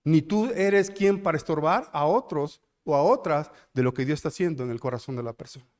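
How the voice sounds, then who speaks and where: A middle-aged man with a Mexican accent, preaching a sermon as pastor, repeating phrases and slowing down to build loud climaxes. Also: on the high side. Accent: Mexican Spanish.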